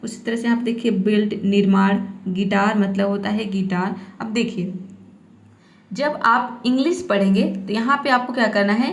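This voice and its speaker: A woman's voice: medium pitch, normal speed. A woman teaching English pronunciation rules, patiently repeating each example word. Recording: echoey room.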